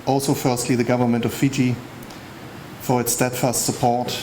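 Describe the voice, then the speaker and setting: Guy reading out an official speech at some launch, pretty monotone, measured and formal, slight noise behind. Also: mid-range voice. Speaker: United Nations official giving a speech. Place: public launch event venue. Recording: faint background noise at event.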